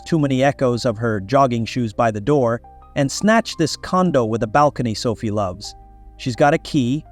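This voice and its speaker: A man narrating a first-person story in a wry, blunt manner. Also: medium pitch.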